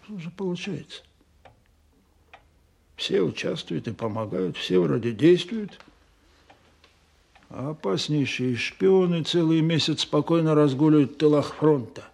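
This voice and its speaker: An actor playing Stalin as a stern, menacing older supreme leader, deliberate and accusatory, in a radio play. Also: male voice, a little high, creaky, darkish tone, husky, exaggerated voice. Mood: accusing, stern. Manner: slow, deliberate, accusatory, repeating questions.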